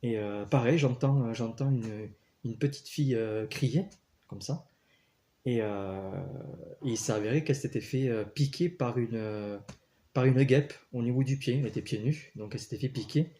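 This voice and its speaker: This is casual spoken testimony from a man whose mellow, mid-range voice moves at a normal speed. He tells his own stories earnestly, often restarting and using lots of fillers.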